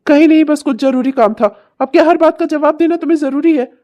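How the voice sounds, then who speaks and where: A woman voicing a guilt-ridden husband and father of two in a cartoon drama, harsh and shouting, then sunk in self-blame. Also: fairly high pitch, steady tone, moderate pace, close to an everyday voice. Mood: angry. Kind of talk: cartoon voice acting.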